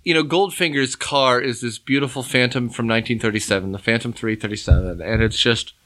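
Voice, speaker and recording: A man talks through a film scene with real enthusiasm, circling back and restarting his sentences as he goes. His voice is bright and forceful, with an easy, casual podcast feel. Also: mid-range voice, brisk. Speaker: podcast co-host.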